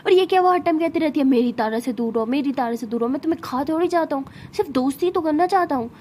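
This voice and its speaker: A woman's voice: high-pitched, lively intonation, fast, mellow, a little hiss or hum. A woman voicing a puzzled young man who keeps insisting on friendship. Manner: bewildered, insistent.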